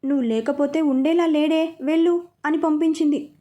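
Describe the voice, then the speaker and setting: A shy young bride with a quick temper in an audio storybook, put on by a woman. The voice is high yet mellow, indignant and scolding. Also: fairly even intonation, lo-fi sound, lightly acted.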